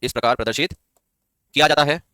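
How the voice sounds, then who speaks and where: A man's voice: medium pitch, pushed and bright, clear, resonant tone, no room sound, studio quality. A man teaching an online class, repeating key points and quizzing his students as he goes. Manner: reads comments aloud and answers them; chants verses slowly. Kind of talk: online Hindi grammar class.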